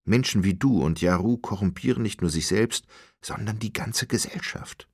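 A man's voice: fairly low pitch, slightly rough, dry recording, studio quality, pitched above the performer's own voice. A man voicing a stern, cold woman official. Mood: lecturing. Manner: calm, measured, lecturing.

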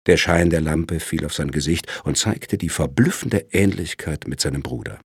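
Deep, husky crime story narrator. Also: male voice, moderate pace, no room sound, studio quality.

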